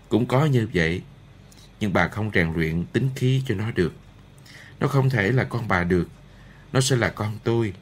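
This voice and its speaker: A man's voice: lowish voice, natural voice. A man voicing a stern but caring old wandering showman in an audiobook, speaking firmly. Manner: firm, commanding.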